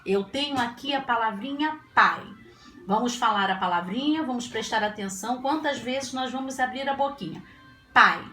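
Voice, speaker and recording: A woman's voice: on the high side, moderate pace, fairly bright tone, soft background music. A woman teacher giving a children's classroom lesson, patient and sing-song, stretching out syllables as she sounds out words. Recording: echoey room, faint ambience.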